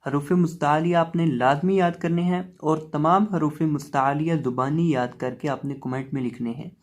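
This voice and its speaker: A man teaching the pronunciation of letters in a step-by-step lesson, calling out each letter loudly and drawn out, then explaining calmly. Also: fairly high pitch, normal speed. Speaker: Quran reading teacher.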